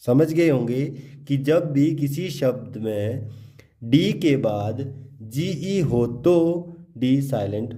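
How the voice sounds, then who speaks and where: Man, slow teacher, mellow tone, spells out letters, repeats words. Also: medium pitch, animated. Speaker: English pronunciation teacher. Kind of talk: classroom-style explanation.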